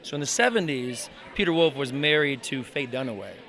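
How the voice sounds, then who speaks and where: Guy writer chatting on red carpet, bright punchy voice, informal and talky. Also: medium pitch, animated, brisk, a faint crowd. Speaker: screenwriter being interviewed. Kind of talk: casual red carpet pitch of own film.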